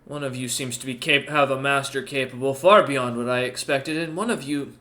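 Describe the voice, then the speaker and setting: A man's voice: medium pitch, brisk, sharp tone, lightly acted. A man voicing a cold, menacing woman in a tabletop game, giving curt, domineering orders as she interrogates captives. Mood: demanding.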